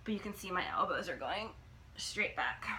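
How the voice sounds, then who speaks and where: A woman in her thirties giving a casual, halting exercise demonstration as a fitness coach, often checking in as she instructs. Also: lowish voice, lively intonation. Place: living room, indoors. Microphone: phone or camera a few feet away. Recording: noisy home video, phone mic.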